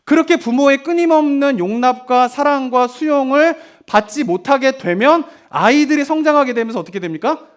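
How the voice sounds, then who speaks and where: A man's voice: very high voice, moderate pace. A middle-aged male pastor preaching a sermon in a chatty way, asking the congregation questions and acting out parents and children. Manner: conversational preaching with frequent rhetorical questions; acts out parents and children in quoted lines.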